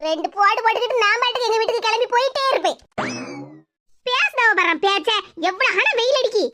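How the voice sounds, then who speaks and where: A woman doing a brash squeaky village neighbor. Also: quick pace. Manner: brash, comforting, mocking. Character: blunt, bold village neighbor woman, middle-aged. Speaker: neighbor character. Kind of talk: cartoon voice acting. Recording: noisy cartoon voice track.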